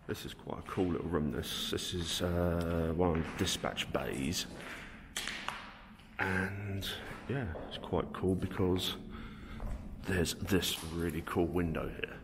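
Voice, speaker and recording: A low-voiced man narrates his walk through a big empty abandoned building, talking casually and swearing freely. His voice rings with a long echo off the bare walls, and steady background noise hums under it. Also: gravelly. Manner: chatty, swears casually, talks to his friend while filming. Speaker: urban explorer vlogger. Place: large empty abandoned print works indoors. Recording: echoey warehouse with background noise.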